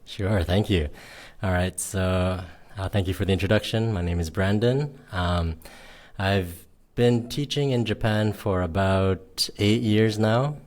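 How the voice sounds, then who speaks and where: A man from Miami, a teacher, answering interview questions in a relaxed way, often pausing on um. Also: low-pitched. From Miami, Florida. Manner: relaxed, hesitant with ums. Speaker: guest, English teacher.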